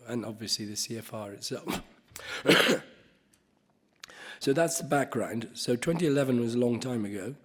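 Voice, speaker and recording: A man chairs a conference panel in a hall, speaking off the cuff. His delivery is halting, full of restarts and occasional coughs, at a middling pitch. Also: slightly rough.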